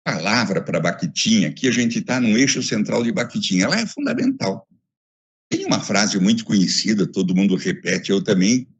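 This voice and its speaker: Brazilian male lecturer, husky mid-pitched voice, emphatic rhetorical delivery, phone call sound. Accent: Brazilian Portuguese. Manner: expressive, emphatic, repetitive rhetorical lists. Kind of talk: academic lecture. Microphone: phone on a video call.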